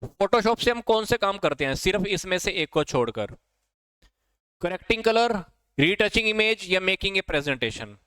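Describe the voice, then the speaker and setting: High clear-voiced Indian male teacher. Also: lively intonation, a bit bright, dry recording, rough recording. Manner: reads English questions slowly, then explains in Hindi and answers himself. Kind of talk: exam-prep lesson, reading quiz questions.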